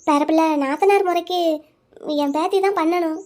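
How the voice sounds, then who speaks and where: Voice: extremely high pitch, normal speed, darkish tone. A woman doing a stern old cartoon grandmother. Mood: coaxing. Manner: insistent, scolding. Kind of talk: cartoon storytelling.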